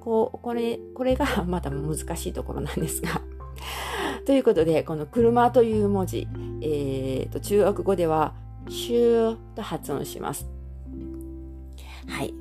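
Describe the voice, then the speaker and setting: A woman teaching in an audio lesson, explaining patiently step by step and filling pauses with many soft hesitations. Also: on the low side, animated, music in the background. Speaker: Chinese language teacher.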